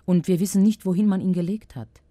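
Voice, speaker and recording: A woman's voice: fairly low pitch, fast, warm tone, dry recording, voice pushed up, natural voice. A woman reading the lines of a grieving woman searching for her lord, in a plain scripture-reading voice. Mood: urgent.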